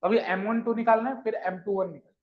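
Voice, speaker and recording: Guy teaching physics, kinda high voice, keeps asking the class stuff and repeating it, dull lo-fi sound. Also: steady tone, quick pace. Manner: asks questions and repeats them, coaxing pupils; addresses students fondly as children. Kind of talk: classroom lecture. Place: classroom with students.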